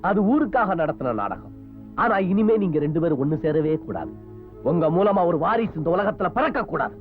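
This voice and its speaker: An actor playing a vengeful, domineering elder brother in a film melodrama, menacing and shouting in bursts. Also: male voice, sits high, big pitch swings, normal speed. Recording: dull lo-fi film soundtrack with music.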